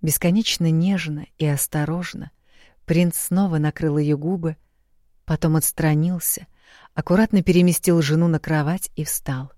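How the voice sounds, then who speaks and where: A woman narrates a story in an even, measured way. Her voice sits rather low, and the recording is close and dry. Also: no room sound. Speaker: audiobook narrator. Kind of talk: scripted narration.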